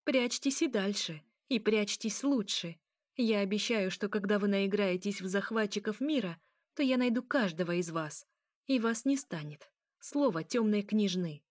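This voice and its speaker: A woman's voice: mid-range voice, moderate pace, dry recording, studio quality, close to an everyday voice. A woman voicing a proud, vengeful young female vampire princess in an audiobook, fierce and biting. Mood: furious. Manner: fierce, pleading, bitter. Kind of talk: audiobook character reading.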